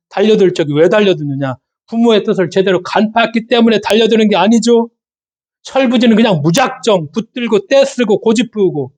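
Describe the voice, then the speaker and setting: Pastor guy preaching, pretty high voice, chatty and repeats himself a lot. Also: darkish tone. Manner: conversational, questioning, repeats phrases for emphasis. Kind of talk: sermon.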